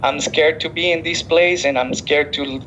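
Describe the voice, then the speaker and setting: A man's voice: on the high side, fairly even intonation, moderate pace, a bit bright, a little hiss or hum, low-quality recording. A man from Honduras, a detained client, speaks hesitantly and fearfully to his lawyer. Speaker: client in detention.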